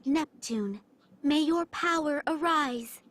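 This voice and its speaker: A woman's voice: high voice, slow pace, background noise. A woman voicing a polite, formal fairy guide with a heavenly goddess voice in a video game. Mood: solemn. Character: small female tome fairy, goddess-like, formal, calm. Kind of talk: scripted game voice acting.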